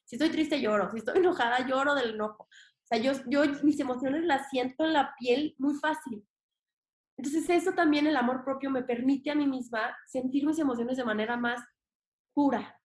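Speaking at a moderate pace in a high voice, a young Mexican-accented woman guests on a podcast in a casual interview. Her talk is emphatic and laced with slang and the occasional curse, recorded with a roomy echo.

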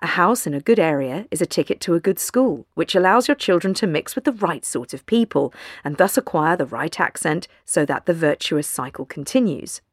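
A woman narrating a scripted news essay with a measured, wry delivery. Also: lowish voice, expressive, no room sound, clean studio sound. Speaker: journalist reading an essay.

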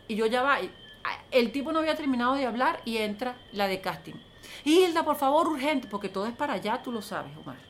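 Older Venezuelan woman, interview guest, animated storyteller, slightly high voice, faint background noise. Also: fast. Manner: lively, acts out quoted voices, talks to the host by name. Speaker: interview guest, film producer.

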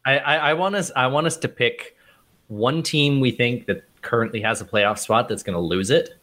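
A man's voice: mid-range voice, moderate pace, fairly bright tone. A man co-hosting a casual sports podcast, opinionated and thoughtful, often restarting as he builds his point. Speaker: podcast co-host.

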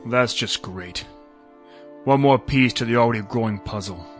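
Sardonic hard-boiled detective, played by a man, weary noir narration, even mid pitch, music bed. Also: normal speed, natural voice. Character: wisecracking hard-boiled male private detective.

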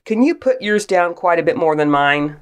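A woman with a low voice chats casually as a podcast co-host. Her talk is frank, joking and loosely profane. She is recorded inside a closet hung with blankets, on a mic clipped to her shirt. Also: expressive, normal speed. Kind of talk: casual chat. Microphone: lapel mic clipped to shirt.

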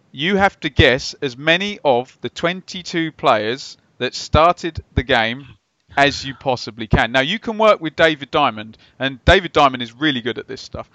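A man's voice: mid-range voice, sharp tone, no room sound. A man hosting a casual football podcast, explaining things in a jokey, teasing way. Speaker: podcast host and quizmaster. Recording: slightly dull lo-fi microphone sound.

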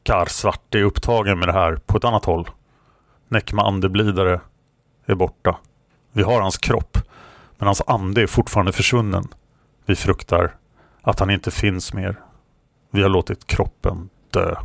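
A man's voice: deep voice, steady tone, gravelly, long pauses, no echo, clean studio sound. A man voicing a stern, wary old male farmer who speaks in urgent, clipped bursts. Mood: solemn.

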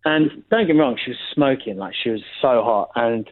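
A man's voice: medium pitch, normal speed. A young man telling a long story in casual chat, rambling with lots of fillers. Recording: tinny phone-like sound.

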